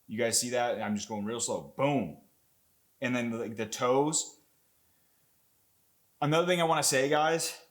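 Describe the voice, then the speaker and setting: A young man talking casually and excitably as he breaks down a fight clip, rambling with lots of fillers and swearing. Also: lowish voice. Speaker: MMA content creator.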